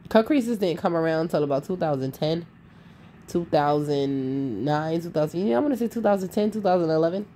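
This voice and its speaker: A makeup artist in her thirties narrates her own makeup tutorial, sassy and nasal from a cold. Her low voice is warm and relaxed, yet she talks briskly and emphatically, addressing viewers like a close friend. There is slight background noise.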